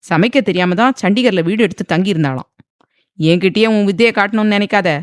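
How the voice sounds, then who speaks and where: A man's voice: high voice, brisk, smooth, no echo, close to an everyday voice. Cruel bossy husband from an audio novel, harsh orders, dry close mic, a woman reads him. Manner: harsh and commanding. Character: domineering threatening young husband.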